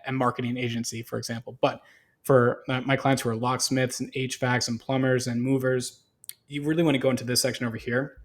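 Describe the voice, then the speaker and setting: A man with a medium-pitched voice, a marketing consultant, talks through examples on a shared screen in an unscripted, easygoing tutorial, explaining as he goes in a conversational tone.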